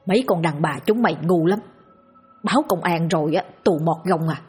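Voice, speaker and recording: Woman voicing a gruff bullying butcher husband. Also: on the low side, moderate pace, darkish tone, soft background music. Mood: angry. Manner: harsh, curt, threatening. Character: gruff middle-aged male dog butcher, bullying.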